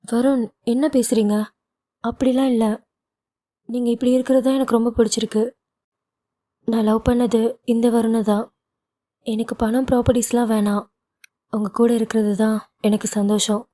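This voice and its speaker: A woman's voice: a little high, flat delivery, moderate pace, pauses often, warm tone, lightly acted. A woman voicing a loving, emotional young wife who pleads and argues with feeling. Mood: tender.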